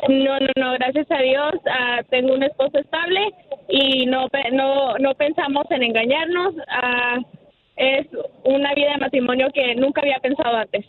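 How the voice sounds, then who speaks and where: A woman calls in to a radio show and speaks haltingly with frequent restarts. Her voice is high and comes through a thin, tinny phone line. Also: fairly even intonation, slight background noise. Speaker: caller.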